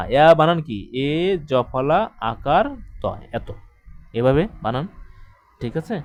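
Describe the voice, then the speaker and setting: A man's voice: medium pitch, darkish tone, highs cut off. Male teacher, exam-prep lecture; repetitive, step-by-step, quizzes the class as he goes. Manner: explains step by step, repeats points, asks the class questions.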